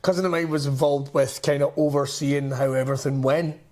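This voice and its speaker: A Scottish man co-hosting a podcast, ranting in animated, exasperated casual chat and laughing often. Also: medium pitch, a little fast. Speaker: podcast co-host.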